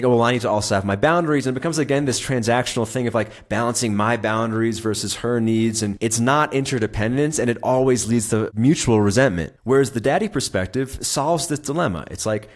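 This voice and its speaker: A man in his thirties hosting a solo podcast, explaining his views in long, earnest, flowing sentences. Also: on the low side. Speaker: podcast host.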